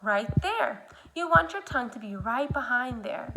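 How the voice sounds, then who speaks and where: Very animated and on the high side, a woman's voice carries over background noise during a speech sound lesson. She slows down and exaggerates her modeling, prompting the learner simply at every step.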